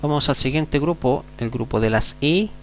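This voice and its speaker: A man's voice: medium pitch, moderate pace. A man with a Chilean accent teaching a class, patiently repeating words and checking in with the listeners. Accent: Chilean Spanish. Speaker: Hebrew teacher. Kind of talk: classroom lecture. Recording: gravelly voice over faint mains hum.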